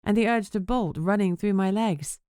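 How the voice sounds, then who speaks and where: A woman's voice: mid-range voice, normal speed, warm tone, clean tone, no room sound, studio quality, natural voice. A woman reading a first-person audiobook as a sarcastic, self-mocking female vampire journalist. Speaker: audiobook narrator.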